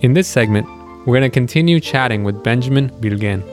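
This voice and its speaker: A man's voice: mid-range voice, brisk, faint music behind. A man hosting a podcast, talking in a friendly, rambling way with frequent hesitations. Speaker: podcast host. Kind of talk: casual conversation.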